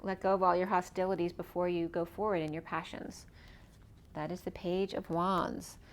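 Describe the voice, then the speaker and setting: A woman's voice: lowish voice, level tone, moderate pace. Chatty woman reading tarot cards. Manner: chatty, thinking aloud while drawing cards. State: losing her voice. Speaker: tarot card reader. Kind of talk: casual spoken tarot reading.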